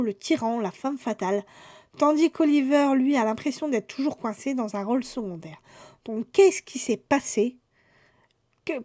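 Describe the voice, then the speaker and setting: A woman's voice: high-pitched, warm tone. A woman chatting casually through a book haul, summarizing plots with fillers and restarts. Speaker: book vlogger.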